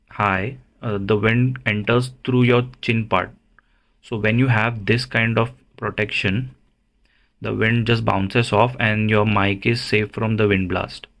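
A man giving a casual, unhurried how-to narration, explaining things plainly step by step. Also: on the low side. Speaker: motovlogger, presenter.

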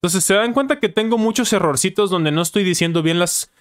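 A young man with a Mexican Spanish accent, his voice sitting a little high for a man, talks through his own video in a loose, reflective way. He often corrects himself mid-sentence and keeps checking in with tag questions. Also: a little fast, clean tone, faint music behind. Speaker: YouTuber and English teacher.

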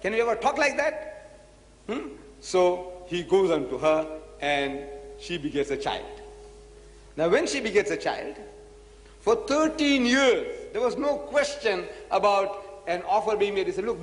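A man preaching to an audience, emphatic and full of rhetorical questions and repeated phrases. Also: high-pitched. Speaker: Islamic preacher. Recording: echoey hall recording.

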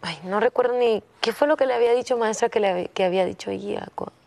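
A young woman, a contestant, telling her teacher a personal story in a soft, hesitant way, often stopping and restarting her sentences. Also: fairly high pitch, fast, gravelly. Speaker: singing competition contestant.

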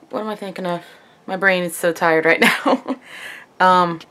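Young woman chatting in a video diary. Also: on the low side. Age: young adult. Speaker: vlogger. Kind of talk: casual video diary chat. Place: small wood-paneled room at home.

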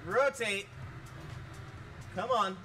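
A man streaming a flight game live, chatting excitably, swearing and laughing at himself. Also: high voice, very slow, soft background music. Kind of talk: live-streamed gameplay commentary.

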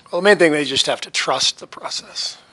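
At a postgame press conference, a basketball head coach in his fifties fields reporters' questions in a relaxed, halting manner with lots of fillers, his voice slightly high. He speaks into a table mic on a stand in a press room with a sponsor backdrop.

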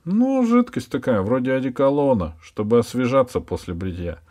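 A touchy, excitable schoolboy who talks loudly, voiced by a man reading an audiobook. His pitch jumps high above the reader's own low voice. The delivery is eager and raised. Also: moderate pace. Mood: explaining. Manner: shouting, excitable. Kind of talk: audiobook character voice.

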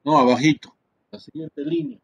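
A man's voice: high-pitched, wildly swooping pitch, moderate pace, creaky, husky, dull audio. A man teaching a class through a screen-share tutorial, talking in a chatty way with many fillers and tag questions.

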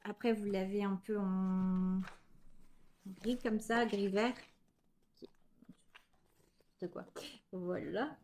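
A woman's voice: medium pitch, steady tone, takes it slowly, long pauses, a little mellow, slight background noise. A young woman hosting a knitting podcast, chatting casually and enthusiastically with many fillers as she shows her purchases. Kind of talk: casual show-and-tell chat.

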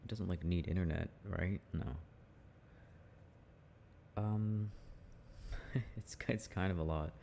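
A young boyfriend-roleplay performer with a very low, creaky voice chats casually and affectionately. He's mellow and intimate, slow with long pauses, and chuckles often as he talks, with faint noise behind him.

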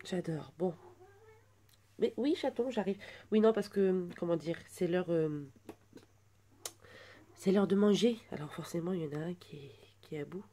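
A woman's voice: fairly low pitch, normal speed, pauses often. Gushing woman in her twenties. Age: 20s. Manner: gushing, many soft exclamations. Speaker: vlogger unboxing a birthday gift. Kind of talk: casual unboxing chat.

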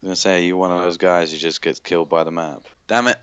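A man's voice: low voice, steady tone, quick pace, a bit bright, clear, resonant tone, dry recording, highs cut off. A man trading dry, teasing banter with a friend while they play a game together. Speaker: co-op gaming partner. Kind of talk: casual gaming banter.

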